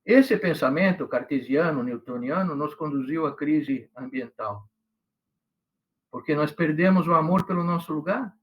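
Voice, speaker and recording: Older man, professor giving a lecture, chatty teacher, slightly high voice, drops in Italian phrases. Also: normal speed, muffled recording. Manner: conversational, asks "né?" and "entendeu?" often. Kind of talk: lecture to students.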